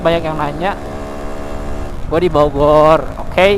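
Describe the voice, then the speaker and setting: Young man rambling over loud traffic. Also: fairly high pitch, level tone, slow. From Cianjur, West Java. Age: 20s. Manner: candid, rambling, heartfelt. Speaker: vlogger. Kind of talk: casual confessional chat while riding at night. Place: outdoors on a motorbike at night in town traffic. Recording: loud road and traffic noise.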